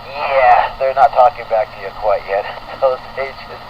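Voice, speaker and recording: A middle-aged or older man acting as radio net control operator runs a roll call in a chatty, folksy, rambling way, his voice medium in pitch and measured in pace. He's in an indoor radio room with the window open. The ham radio audio is noisy, dull and distant.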